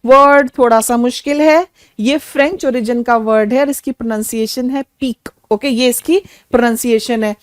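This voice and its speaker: A woman with an Indian accent runs an exam-prep English lesson. Her voice sits high and comes across smooth and clear, and the recording is dry and close. She explains word meanings and spells words out letter by letter. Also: fairly even intonation, moderate pace, no room sound. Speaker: English teacher.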